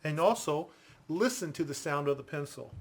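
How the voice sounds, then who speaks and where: A man giving a casual product review in a deliberate, explanatory manner. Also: a little high, animated, breathy edge.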